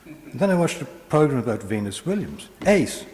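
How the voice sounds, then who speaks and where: A man's voice: medium pitch, very animated, moderate pace, darkish tone, voice pushed up, natural voice. Man voicing chatty girl on mobile, poetry reading. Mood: chatty, excited. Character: chatty young girl gushing into her mobile phone. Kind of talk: comic poetry reading in character. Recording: echoey hall with long reverb.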